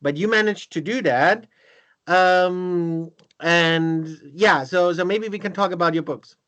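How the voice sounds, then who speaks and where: A man hosting an interview, speaking in a halting way with many restarts and repeated words. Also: high voice, a bit bright. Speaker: interview host. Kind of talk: casual interview chat.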